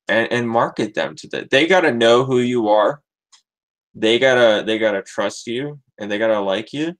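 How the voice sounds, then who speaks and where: A man's voice: lowish voice, poor audio. An American man telling his own story in a casual testimonial, rambling and filling his talk with "like" and "you know". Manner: rambling, heavy use of fillers like "like" and "you know". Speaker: network marketing member sharing his story.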